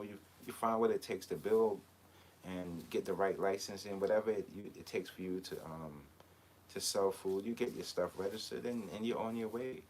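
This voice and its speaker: A man from Barbados with a very low voice hosts a casual live stream, talking off the cuff. He wanders between thoughts and fills the gaps with hesitations, and a faint hiss sits behind him. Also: darkish tone. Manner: rambling, with many hesitations and fillers. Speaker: clothing brand designer hosting a live chat.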